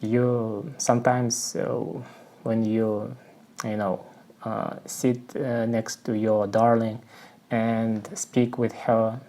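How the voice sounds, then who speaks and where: A man with a Russian accent explains song lyrics to English learners at an unhurried, careful pace. His voice is dark and mellow, and his speech is halting as he searches for the right word and leans on fillers. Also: lowish voice, level tone. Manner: halting, searching for words, frequent "you know" fillers.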